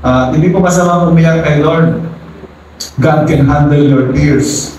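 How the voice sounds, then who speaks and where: A man's voice: a little high, steady tone, measured pace, a little mellow, a little hiss or hum. A man preaching a sermon as pastor, dramatic and switching into English, who acts out quotes in a raised voice. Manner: mixes English into local speech. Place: church service. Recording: echoey hall, mic from far off.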